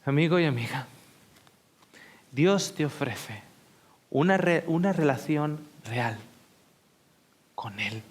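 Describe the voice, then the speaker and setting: A male preacher giving a seminar sermon. He speaks with emotion, asks listeners direct questions and sinks into slow, hushed whispers for emphasis. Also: on the high side, expressive, breathy edge.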